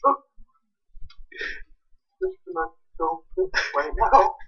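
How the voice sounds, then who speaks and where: A man's voice: high voice, wildly swooping pitch, slow pace, breathy edge, dull audio. A man playing a game with a friend, chatting casually and making laid-back, dry quips. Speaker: guest co-player. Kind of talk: casual gameplay chat.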